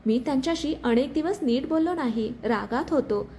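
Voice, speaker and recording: A woman reading the lines of a calm, steady young husband in a spoken story. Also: high voice, moderate pace, slight background noise. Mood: calm, firm. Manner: steady, reassuring.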